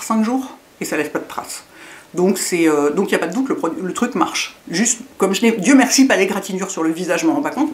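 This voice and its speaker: A middle-aged woman with a lisp and slushy s sounds, chatting casually in a rambling, self-mocking way as a beauty vlogger. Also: lowish voice.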